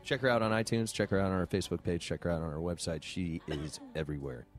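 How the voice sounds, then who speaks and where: A man's voice: deep voice, fairly even intonation, quick pace, soft background music. A man hosting a comedy podcast, reading sponsor plugs and bantering crudely with his co-hosts. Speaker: podcast host. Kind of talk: casual comedy podcast chat.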